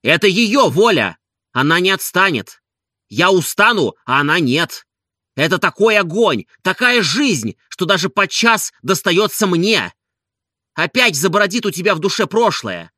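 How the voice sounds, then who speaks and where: A man voicing an energetic, warm-hearted friend who urges and insists, in an audiobook. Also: sits high, a little slow, no echo, studio quality, pitched above the performer's own voice, heavily acted. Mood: insistent. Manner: urging, emphatic.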